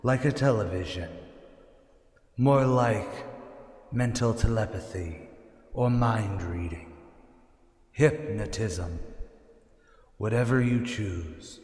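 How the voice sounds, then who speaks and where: Drenched in long echoing reverb, a mysterious avenger from the shadows. He speaks very slowly in a lowish voice, with theatrical menace, like classic radio drama. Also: darkish tone. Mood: commanding. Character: mysterious invisible male avenger lurking in shadows. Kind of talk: old-time radio drama acting. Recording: echoey, long cavernous reverb.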